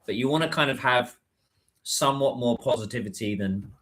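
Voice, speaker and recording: Chatting casually with viewers on a livestream, a British business content creator speaks at an ordinary middle pitch, a little fast and a bit bright. He rambles, restarts his sentences and fills gaps with "um" and "like".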